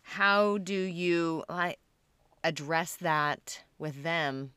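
Low, bright-voiced woman co-host. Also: drawn-out words, clean tone, no echo. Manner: thoughtful, asks questions. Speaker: podcast co-host. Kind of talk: casual conversational podcast.

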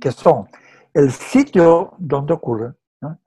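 Husky Venezuelan man chatting films. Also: a little high, animated, slow, warm tone. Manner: hesitant, repeats words, storytelling. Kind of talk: casual film chat.

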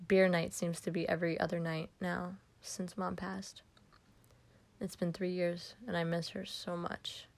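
A woman's voice: lowish voice, creaky. A woman reading a first-person dramatic story aloud, dropping to whispers at tense moments.

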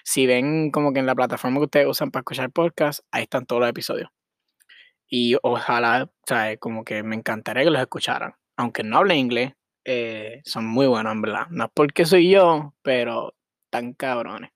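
A man's voice: mid-range voice, moderate pace, no room sound, clean studio sound. A young man from Puerto Rico with a Puerto Rican accent, hosting his solo podcast in a rambling, frank way, with English words mixed in. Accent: Puerto Rican Spanish. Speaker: podcast host. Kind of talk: casual solo podcast monologue.

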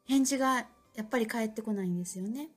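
A woman's voice: on the high side, fast, faint music behind. A middle-aged woman with an Osaka accent, an English school owner hosting a casual solo talk, chatty and reflective with many fillers. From Japan.

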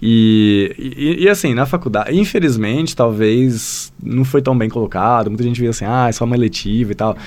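A man's voice: mid-range voice, normal speed, few pauses, darkish tone. A man with a Brazilian Portuguese accent, a language school founder, who talks as a podcast guest. He tells stories in a rambling way, uses many fillers, and often addresses the listener directly. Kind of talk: casual podcast conversation.

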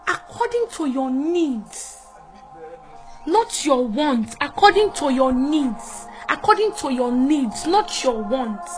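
A woman preaching a fervent, repetitive sermon that breaks into laughter and shouts. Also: sits high, big pitch swings, takes it slowly, faint music behind, rough recording.

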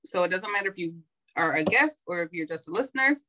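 A woman's voice: on the low side, lively intonation, fast talker, bright, forceful tone, slight background noise, low-quality recording. A woman co-hosting a casual podcast, speaking. She is playful and teasing, and talks in an easy, chatty way. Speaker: podcast co-host. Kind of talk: casual chat.

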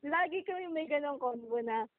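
A woman's voice: sits high, expressive, normal speed. A young Filipino woman co-hosting a podcast, chatting and giggling over a phone call. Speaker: podcast co-host. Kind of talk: casual chat. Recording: tinny phone line.

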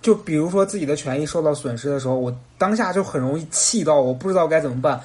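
A man co-hosting a podcast, retelling anecdotes in a relaxed, casual chat and voicing the people in them. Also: fairly high pitch, fast. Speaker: podcast co-host.

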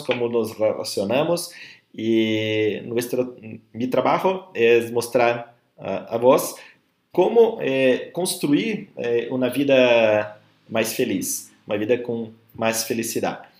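A man leads a workshop in an informal teaching style, blending Portuguese and Spanish in the same sentences. He speaks slowly and haltingly, often searching for his words, in a roomy, echoing space. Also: medium pitch, darkish tone. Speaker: workshop facilitator. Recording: roomy echo.

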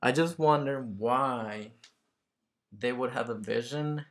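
A man's voice: medium pitch, slow, fairly bright tone. A man from Mexico talking casually and reflectively as a guest, searching for words and checking in with the listener. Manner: tentative, searching for words, often tags statements with "right?". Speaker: interview guest.

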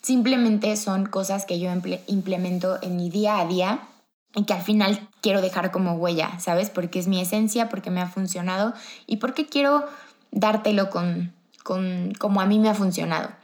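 An upbeat woman with a Mexican Spanish accent hosts a motivational podcast, speaking chattily and directly to her listener. Her voice is medium-pitched and a little mellow, with a steady tone and moderate pace.

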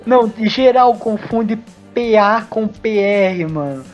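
Joking, swearing podcaster. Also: male voice, sits high, slow, highs cut off, faint music behind. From Paraná, Brazil. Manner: laid-back, swears often, joking. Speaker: podcast co-host. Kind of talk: casual chat.

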